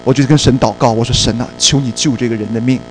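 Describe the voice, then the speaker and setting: A male preacher telling a personal story in a sermon, in a lively storytelling way and slipping English words into his speech. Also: mid-range voice, fast talker, a little hiss or hum, low-quality recording.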